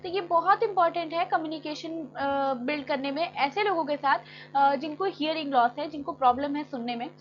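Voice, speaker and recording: A woman teacher giving a classroom lecture. She reads textbook lines slowly in English, then explains them in casual Hindi. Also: high voice, muffled recording, slight background noise.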